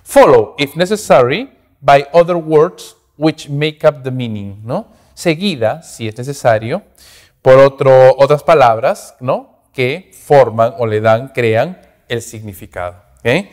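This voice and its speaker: A man's voice: mid-range voice, lively intonation, takes it slowly, darkish tone. A man teaching English grammar in a recorded class lecture, explaining in Spanish and ending phrases with "¿no?" and "¿ok?". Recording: echoey hall reverb.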